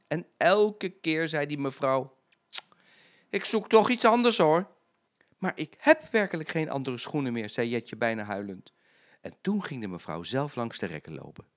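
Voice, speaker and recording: An older man, a grandfather, reading a children's story aloud in an expressive, sing-song way. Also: mid-range voice.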